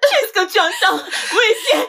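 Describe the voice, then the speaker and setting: A woman's voice: very high-pitched, very animated, a little slow, gravelly, sharp tone, heavily acted. An actress dubbing a scheming mother who fakes frantic panic over her daughter. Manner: theatrical wailing, urgent. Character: scheming middle-aged mother faking panic. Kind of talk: dubbed film acting.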